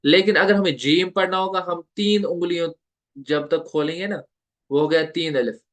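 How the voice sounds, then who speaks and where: Patient man teaching recitation, higher voice. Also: fairly even intonation, normal speed, fairly bright tone. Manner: patient, repeats points and asks the listener questions; draws out letter sounds for demonstration. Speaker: Tajweed teacher. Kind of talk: online lecture.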